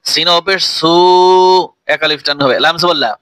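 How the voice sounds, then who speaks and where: A man's voice: a little high, moderate pace, pushed and bright, no echo. A man teaching Quran reading, spelling each syllable out letter by letter and then reciting the verse in a melodic chant.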